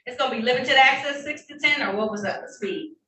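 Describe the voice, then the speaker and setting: With a high voice, a quick pace, and a bright, forceful tone, a woman judge reads charges and rulings at traffic court hearings. Her manner is formal yet friendly. The courtroom recording sounds roomy and distant, carrying faint noise.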